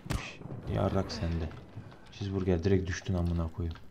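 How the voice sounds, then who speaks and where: A young man commentating his own gameplay, swearing a lot and swinging from low muttering to high-pitched yelling. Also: level tone, normal speed, background noise. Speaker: gameplay streamer.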